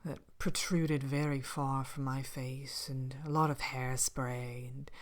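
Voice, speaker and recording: A woman voicing a haughty, vain evil fairy-tale queen in an ASMR role-play, soft-spoken and partly whispered, pompous and languidly disdainful. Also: extremely low pitch, little pitch movement. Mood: disdainful, gossipy. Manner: pompous, languid, theatrical disdain with drawn-out words. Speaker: host of a character Q&A show. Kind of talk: ASMR character role-play, answering questions.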